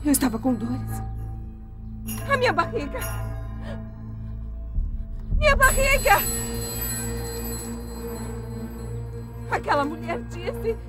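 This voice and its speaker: A woman's voice: very high-pitched, very animated, measured pace, long pauses, exaggerated voice. A woman dubbing a young mother who cries and begs for help after her baby is stolen. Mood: anguished. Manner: pleading, sobbing, shouting for help. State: crying. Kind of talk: dubbed telenovela acting. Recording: music and crowd behind. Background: loud music and crowd noise.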